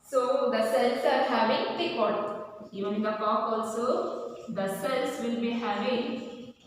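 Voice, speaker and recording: A woman's voice: a little high, fairly even intonation, takes it slowly. A woman teaching biology, repeating key phrases and using many fillers. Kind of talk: classroom-style lesson. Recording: echoey room, far from the mic, faint noise.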